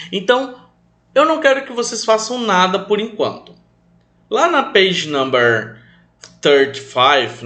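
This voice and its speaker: A young Brazilian man teaching English to children online, calling his pupils affectionate names and drilling new words slowly for them to repeat. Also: fairly high pitch, fairly bright tone. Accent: Brazilian Portuguese. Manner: affectionate, calls pupils "meus amores", speaks of himself as "tio".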